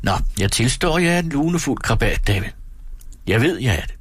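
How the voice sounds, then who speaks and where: A man reading an audiobook, voicing a charming, restless young gentleman who talks in a brisk, lightly mocking way. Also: mid-range voice, animated, husky, no echo, voice pushed up.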